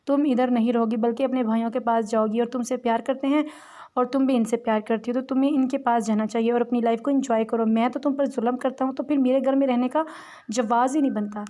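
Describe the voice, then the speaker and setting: A woman's voice: fairly high pitch, fairly even intonation, fast, dark tone, close to an everyday voice. A woman voicing a short-tempered young husband who scolds and threatens harshly. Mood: stern.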